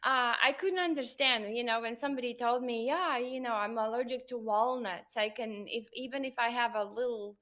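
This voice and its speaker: A woman's voice: on the high side, normal speed, hardly any pauses, bright, forceful tone. Latvian-accented woman, earnest guest. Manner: earnest, storytelling, frequent "uh" and "you know". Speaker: guest, doctor of Oriental medicine. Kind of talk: interview conversation.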